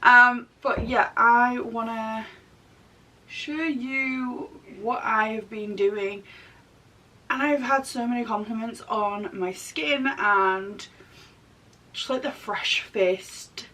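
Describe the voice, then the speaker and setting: A woman's voice: slow pace, sharp tone. A woman in her thirties chatting casually through a makeup tutorial while getting over a throat and chest infection. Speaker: makeup artist and vlogger. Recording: distant mic, rumbly background noise.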